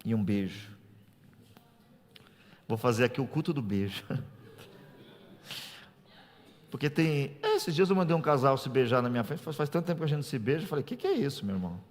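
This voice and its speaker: A man from Brazil preaching a teaching sermon as a pastor. He jokes with the congregation in a conversational way, then climbs to loud preaching peaks. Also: mid-range voice, normal speed, long pauses. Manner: animated, swings from soft asides to loud preaching peaks. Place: church. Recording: long reverb of a church hall.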